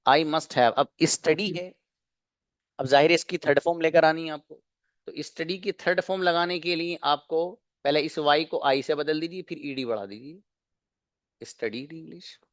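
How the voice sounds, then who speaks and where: A man's voice: fairly high pitch, no echo, dull audio. Male teacher with a dry close voice. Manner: explains patiently, repeats example sentences slowly. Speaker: English teacher. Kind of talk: online grammar lesson in Hindi.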